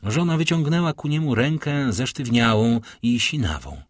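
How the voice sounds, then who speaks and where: A man narrating an audiobook in an expressive, dramatic way. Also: medium pitch, normal speed, no room sound, clean studio sound. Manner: expressive, lively storytelling.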